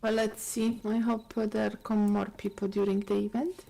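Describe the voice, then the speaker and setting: Whispering woman with a gravelly, dark voice. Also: medium pitch, little pitch movement, moderate pace. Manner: hushed, hesitant remarks. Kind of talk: whispered aside.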